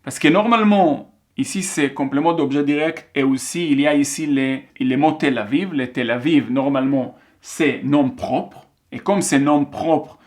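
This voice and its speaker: Male language teacher, patient and methodical, slightly higher voice. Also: a little mellow. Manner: patient, slow, explains step by step. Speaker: Hebrew teacher. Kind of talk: online language lesson, dictation.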